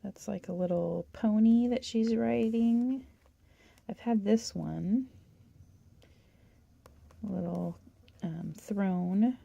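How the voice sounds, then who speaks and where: A woman hosting a toy-collecting channel, chatting and gushing through a catalog in a hoarse voice. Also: medium pitch, dark tone, muffled recording. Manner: chatty, gushing, with little laughs. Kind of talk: casual show-and-tell of a toy catalog.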